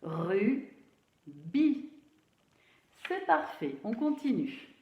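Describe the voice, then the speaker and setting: A woman's voice: medium pitch, very animated. Woman, teacher, children's phonics lesson, clapping out syllables, roomy dull recording. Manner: slow, encouraging, syllable by syllable.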